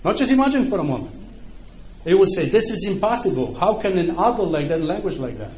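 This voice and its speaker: Preaching to a congregation in a chatty way, this middle-aged Polish man frequently checks in with his audience; he speaks Ukrainian natively but has a Polish accent. He talks fast in a high, slightly mellow voice with big swings in pitch. Faint background noise and an echo fill the recording.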